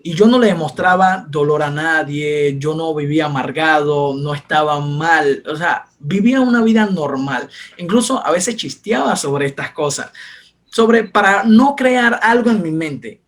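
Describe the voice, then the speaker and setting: A young man with a slightly higher voice tells his faith testimony in an earnest, conversational way. He drops to a softer voice when he repeats what others told him. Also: a little slow. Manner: earnest, retells dialogue in soft quieter voices. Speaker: testimony speaker. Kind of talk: personal faith testimony, storytelling.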